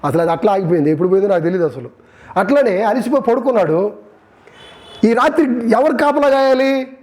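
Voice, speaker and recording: A man preaching a sermon with a high-pitched voice. He tells his points as lively stories and keeps turning to the congregation with questions, waiting for their answers. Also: brisk.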